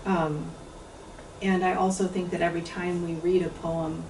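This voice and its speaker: An author and translator, a native English speaker, gives a book talk that includes a poetry reading. Her low, gravelly, darkish voice is flat and measured, and she is thoughtful, pausing often and saying "um" a lot. She's picked up from a distance in an echoey room with slight background noise.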